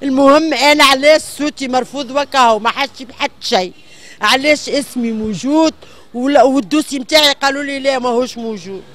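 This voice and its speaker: A woman's voice: high-pitched, fast, a bit bright. An older woman with a Tunisian accent, pleading and complaining in an agitated, insistent way in a street interview, repeating her phrases. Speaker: member of the public interviewed in the street. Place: outdoors on a city pavement. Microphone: handheld reporter microphone held close.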